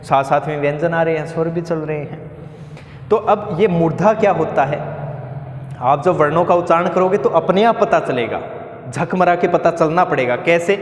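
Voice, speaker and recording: A man's voice: on the high side, a little hiss or hum. A man teaching a Hindi grammar lesson for exam coaching, asking questions and answering them himself while chanting letter sounds. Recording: echoey room with long reverb.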